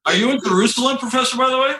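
A man's voice: very high-pitched, racing, reverberant, poor audio. A man hosting a talk show, joking and telling stories in a casual news-chat style. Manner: joking, animated storyteller. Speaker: show host.

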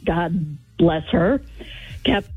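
Slow, husky woman on a dull call. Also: lowish voice, lively intonation, dry recording, soft background music. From Wisconsin, suburb of Milwaukee. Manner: slow, halting, emotional storyteller. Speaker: caller, sibling of the late host. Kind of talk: phone-in tribute storytelling.

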